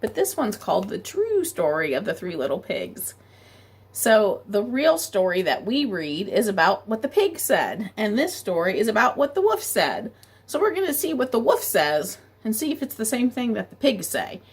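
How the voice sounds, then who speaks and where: A preschool teacher reads a picture book aloud to children, speaking gently and asking them questions. Her gravelly, husky voice is mid-range, with big pitch swings and a normal speed.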